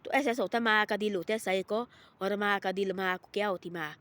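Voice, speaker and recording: A woman's voice: medium pitch, fairly even intonation, fairly quick, a bit bright, dry recording. Rambling woman telling a moral tale. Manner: rambling and repetitive, voices the people in her story. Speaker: storyteller. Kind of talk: informal moral storytelling.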